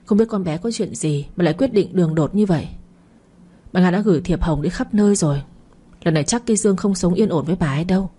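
A woman's voice: on the low side, quick pace, warm tone, husky. A woman voicing a worried older mother who asks anxious questions about the neighbors. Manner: curious, fretting.

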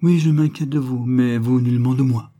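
A man's voice: mid-range voice, steady tone, normal speed, dark tone, natural voice. A man voicing an anxious, devoted six-year-old girl in an audiobook, with a pleading, plaintive manner. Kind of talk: audiobook character voice.

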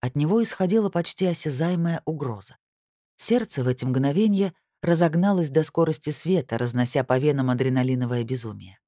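A woman's voice: low-pitched, a little fast, warm tone, no echo, studio quality. A woman reading a first-person fantasy audiobook, narrating expressively. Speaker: audiobook reader.

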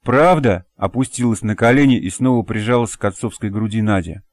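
A man narrating an audiobook in an even, measured reading voice. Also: lowish voice, dry recording. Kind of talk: scripted narration.

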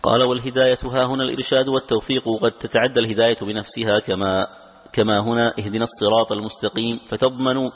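Man, student reader, quick recitation, small self-corrections, phone-like sound, hall reverb. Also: mid-range voice, fairly even intonation. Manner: brisk recitation with occasional stumbles and self-corrections. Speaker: student reading a classical text to his teacher. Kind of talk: reading a classical commentary aloud. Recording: tinny phone-like lecture recording with long hall reverb.

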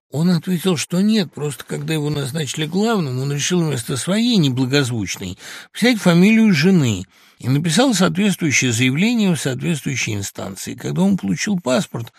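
A male audiobook narrator reads a comic story with wry, lively timing. His voice has a mid pitch, a gravelly texture and a very animated melody. The recording is dry and close, with no room echo.

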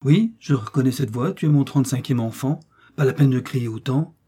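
A man voicing a hurried, impatient father mouse in a storybook reading. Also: mid-range voice, mellow, husky, close to an everyday voice. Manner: brisk, impatient. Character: hurried, harried father mouse, busy worker.

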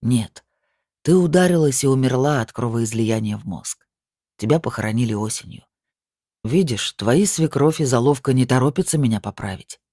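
A narrator voicing a calm, stern male medium who speaks slowly and gravely. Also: medium pitch, no echo, studio quality, close to an everyday voice.

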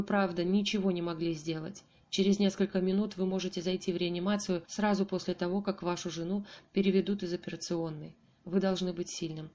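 A woman reading an audiobook voices a calm, sympathetic male surgeon who speaks in a measured, soothing way. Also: fairly low pitch, natural voice.

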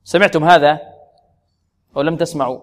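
A man teaching Quran recitation, slowly drilling pronunciation syllable by syllable and quizzing his students. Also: fairly high pitch, steady tone. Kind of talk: tajweed lesson. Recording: long reverb, echoey hall.

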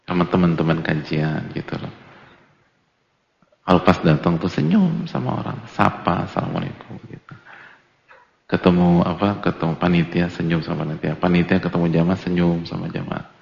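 A man's voice: deep voice, moderate pace, creaky, pauses often. A man preaching a religious study lecture to a congregation in a colloquial, humorous way, acting out little bits of dialogue. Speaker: Islamic preacher. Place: lecture hall with an audience. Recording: echoey hall, dull lo-fi audio.

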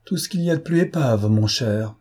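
A man's voice: medium pitch, lively intonation, brisk, darkish tone, husky. A man voicing a wry young male officer in an audiobook, dry and mocking.

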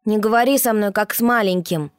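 A reader putting on a ten-year-old boy who is scared but stubborn, his voice lifted higher and louder than the reader's own as he snaps back. A dry, close recording from a storybook reading. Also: brisk, clear, resonant tone, no echo, natural voice. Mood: angry. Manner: defiant, shouting. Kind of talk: audiobook character voice.

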